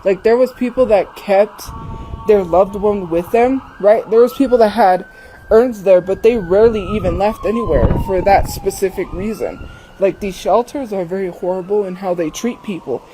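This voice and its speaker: A woman's voice: medium pitch, sing-song, moderate pace, warm tone. A woman chatting casually on a livestream, speaking in an emphatic, defensive way and repeating phrases, recorded outdoors in the wind. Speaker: livestream host. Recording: windy, noisy outdoor phone recording.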